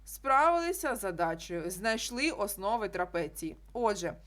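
A woman teacher walks through a geometry problem step by step. She explains in a steady classroom manner and often repeats key statements to make them stick. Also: mid-range voice, normal speed. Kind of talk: classroom math lesson.

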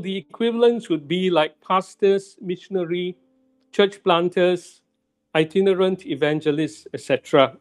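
A middle-aged male pastor giving a sermon in a church, speaking slowly and deliberately and repeating key phrases for emphasis. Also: high voice. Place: church sanctuary.

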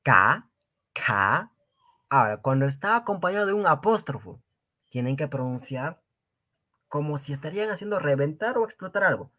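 A man's voice: fairly high pitch, expressive, a little fast, a bit bright. A man giving a livestreamed language lesson, drilling sounds with exaggerated repetition and addressing viewers as brothers and sisters. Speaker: language teacher.

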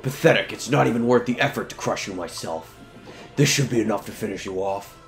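A man voicing a gloating skull-faced game villain with slow, theatrical menace. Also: lowish voice, faint music behind, natural voice. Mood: scornful.

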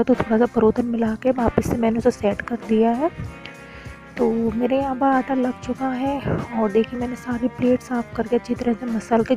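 A young woman chatting casually in a home vlog, narrating her kitchen chores step by step. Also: fairly high pitch. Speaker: vlogger.

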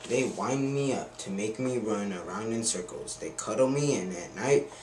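Brief: man voicing a cheerful wind-up toy mouse, storybook; slightly low voice, roomy distant camera sound. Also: normal speed, darkish tone, lightly acted. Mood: contented. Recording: roomy, distant camera mic, faint noise.

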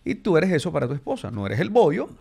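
A man's voice: on the high side, wildly swooping pitch, quick pace, creaky, warm tone, husky. A man, a host asking teasing questions in a casual interview.

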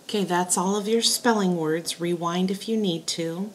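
A woman teacher dictating spelling words and sentences in a deliberate way, setting words apart and repeating them. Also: lowish voice. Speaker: teacher giving a spelling test.

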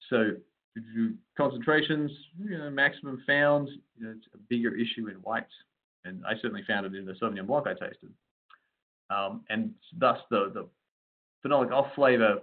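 A man's voice: mid-range voice, gravelly. A man giving a casual webinar lecture on winemaking yeasts, loose and conversational, with frequent fillers and restarts. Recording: tinny phone-like audio.

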